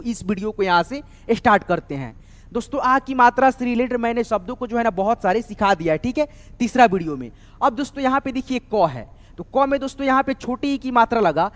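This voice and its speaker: High-voiced man teaching Hindi letters. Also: long reverb tail. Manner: repeats "dostom" often, slow sounding-out of syllables. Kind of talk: online lesson, explaining letters and vowel signs.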